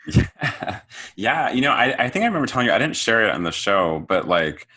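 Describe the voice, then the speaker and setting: A man around thirty from Southern California rambles through a self-deprecating story in casual podcast talk. His voice sits very low yet sounds bright and forceful. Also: big pitch swings, fairly quick, breathy edge. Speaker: podcast co-speaker.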